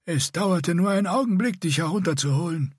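Raspy menacing scarred young warrior guy, narrator doing the voice, high and strained, dry sound. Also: lively intonation, a little fast, no echo. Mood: cold. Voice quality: grating raspy voice. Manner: curt and threatening.

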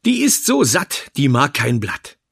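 A man voicing an eager young son in a storybook reading, with a bright, raised voice. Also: mid-range voice, huge pitch swings, a little slow, vocal fry, slightly rough, no room sound, studio quality, full character voice.

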